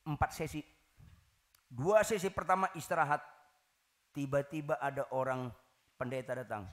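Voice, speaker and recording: A male pastor preaching a sermon to a congregation in a lively, teasing way, often shouting the punchlines. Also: medium pitch, moderate pace. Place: church hall.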